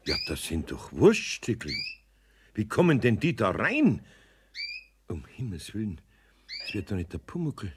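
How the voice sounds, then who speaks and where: A man's voice: fairly low pitch, wildly swooping pitch, a little slow, long pauses, noisy background. An older man with a Bavarian accent playing an old master carpenter in a radio play, grumbling and exclaiming to himself. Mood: worried muttering. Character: old master carpenter, gruff but caring.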